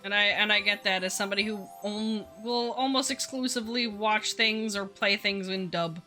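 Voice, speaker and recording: A young woman streaming a game in casual chat, her voice worn and hoarse, reading chat aloud and swearing now and then. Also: medium pitch, normal speed, pushed and bright, soft background music.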